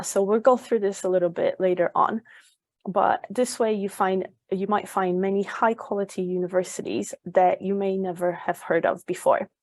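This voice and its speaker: A woman's voice: mid-range voice, darkish tone, no room sound. A young woman from Poland giving a webinar as an education advisor, informative and full of ums and uhs. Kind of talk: webinar presentation.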